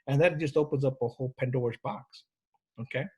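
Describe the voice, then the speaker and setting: A man with a husky, slightly breathy voice teaches a counseling class in an informal, conversational way. He often checks in with his students and restarts his sentences as he thinks aloud. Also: medium pitch, a little fast, dark tone. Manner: informal, with frequent restarts and fillers. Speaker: counseling instructor. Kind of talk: classroom lecture.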